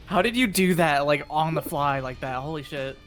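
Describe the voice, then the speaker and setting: A man's voice: fairly high pitch, a little slow, fairly bright tone, soft background music. A man playing in an online tabletop game, laughing often and describing what his character does. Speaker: player. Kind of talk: tabletop role-play chat.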